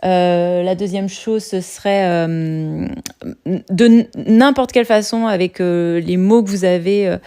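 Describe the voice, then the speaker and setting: A woman's voice: fairly low pitch, a little slow, warm tone, clear, resonant tone. A woman from France, speaking, chats casually on a podcast about living abroad, with lots of fillers and restarts. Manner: chatty, many fillers and restarts, laughs easily. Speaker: podcast guest sharing expat experience.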